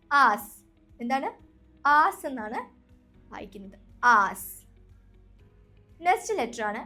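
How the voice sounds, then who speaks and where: Young woman, Malayali accent, English teacher, patient and repetitive, quizzing listeners, higher voice, faint music underneath. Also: fairly bright tone. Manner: patient, repeats each sound and quizzes listeners. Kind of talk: spoken English lesson.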